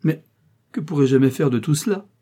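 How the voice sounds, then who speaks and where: A worried old housekeeper frets over every order she is given, as a man voices her in a reading. Her tone is anxious, carried on a dark, mellow voice in storybook style. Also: a little high, animated, brisk, voice pushed up. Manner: fretful and worried. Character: anxious elderly female housekeeper.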